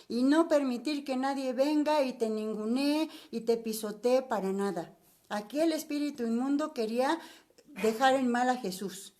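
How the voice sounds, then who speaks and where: Chatting her way through a Bible study lesson, an older Mexican-accented woman poses rhetorical questions to those listening. She speaks with a fairly high pitch and a somewhat dark tone.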